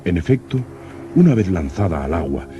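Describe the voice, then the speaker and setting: An actor playing an earnest, curious young explorer who narrates his expedition diary like an old radio serial announcer, in formal, measured diction. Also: low voice, very animated, lo-fi sound. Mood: earnest narration. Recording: old radio drama with music.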